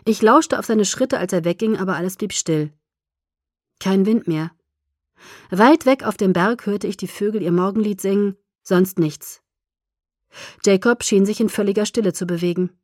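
This is a woman reading a novel aloud in the first person, in a calm, quiet storytelling manner. Her voice sits at an ordinary mid pitch. The recording is dry and close, with no room sound. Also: moderate pace, no echo. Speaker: audiobook narrator. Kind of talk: first-person scripted narration.

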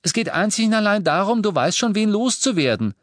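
A man doing an excitable, high teenage boy. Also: brisk, no echo. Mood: emphatic.

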